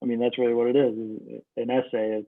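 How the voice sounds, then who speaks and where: A young man chats in a relaxed way as a podcast co-host and laughs easily. His voice is mid-pitched and comes through a dry, tinny line that sounds like a phone call. It is a casual hockey talk. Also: brisk, dry recording.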